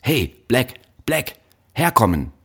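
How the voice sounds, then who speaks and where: A man voicing a brutal, bespectacled male factory overseer who shouts threats at child workers, in an audiobook. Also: deep voice, sing-song, a little slow, breathy edge, heavily acted. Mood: furious. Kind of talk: audiobook narration.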